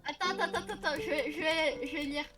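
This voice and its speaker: A woman's voice: high voice, fast, music in the background. A woman chatting casually while playing a video game with her sister, goofy and playful, making silly noises. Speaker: let's play gamer. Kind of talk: casual gaming chat.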